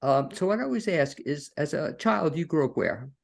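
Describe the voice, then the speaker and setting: A man hosts an interview podcast from his home studio over a video call, rambling in a folksy way with fillers and restarts. His voice sits a little high, very animated, with vocal fry, and he talks at a moderate pace.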